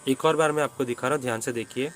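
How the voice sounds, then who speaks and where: A man's voice: medium pitch, rapid-fire, a little hiss or hum. A man teaching a step-by-step rhythm lesson, patiently counting beats and reciting the syllables of each one. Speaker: music teacher.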